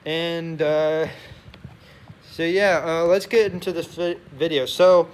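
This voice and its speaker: A man's voice: on the high side, steady tone, clear, resonant tone. A young man chatting casually as a sports vlogger in a locker room, rambling and often correcting himself. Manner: halting, rambling, self-correcting. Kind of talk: casual chat to camera. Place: locker room beside a noisy gym. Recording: noisy locker room ambience.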